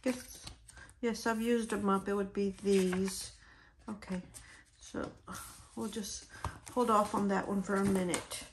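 A hoarse woman talking quietly, almost in a whisper, as she sorts stickers and decorates her planner, chatting casually as she goes. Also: medium pitch, steady tone, slow pace, long pauses, slight background noise. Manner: quiet, near-whispered, talks while sorting stickers. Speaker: planner vlogger. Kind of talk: soft-spoken planner decorating chat.

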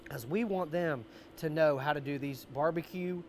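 Middle-aged American man, jolly grill-dad cooking host, high-pitched voice, outdoors with some background noise. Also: normal speed. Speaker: host, barbecue cook. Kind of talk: live cooking show presentation. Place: outdoor wooden deck.

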